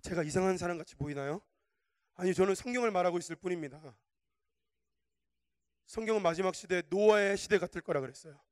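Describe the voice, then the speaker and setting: A male guest preacher with a strikingly high voice delivers a sermon in a chatty, colloquial way, full of rhetorical questions. He drops to hushed asides and then rises to fervent shouts. The sound is close and dry, with no room echo. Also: fast talker, long pauses, clean tone. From Korea.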